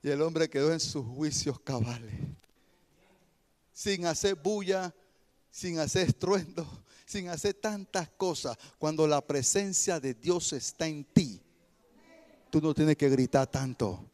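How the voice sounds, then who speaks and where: A male pastor preaching a sermon, building to shouted lines and then dropping to a quieter, joking tone. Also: fairly high pitch, slow.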